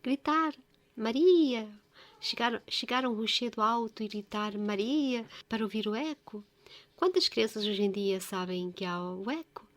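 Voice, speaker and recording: Soft-spoken woman. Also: medium pitch. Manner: gentle, halting, often dropping to a whisper. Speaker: religious video presenter. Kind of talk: spiritual reflection.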